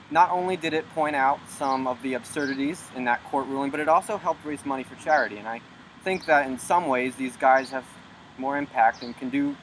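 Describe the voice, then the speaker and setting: A man's voice: mid-range voice, slight background noise, poor audio. A young man giving considered commentary as an interviewee. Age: young adult.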